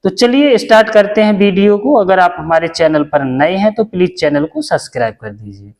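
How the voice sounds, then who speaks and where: A man's voice: high-pitched, expressive, normal speed, darkish tone, in a large hall. A man teaching a basic lesson, patient and repetitive, asking questions and answering them himself. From India. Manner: patient, repeats each step, asks and answers own questions. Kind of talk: classroom lesson.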